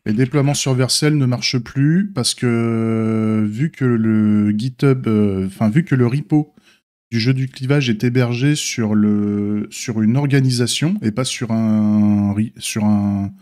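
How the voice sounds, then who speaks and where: A man's voice: mid-range voice, unhurried, a little mellow. A man with a slight lisp and slushy s sounds, giving a casual unscripted stream update in an informal, hesitant, thinking-aloud way. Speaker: streamer and software developer.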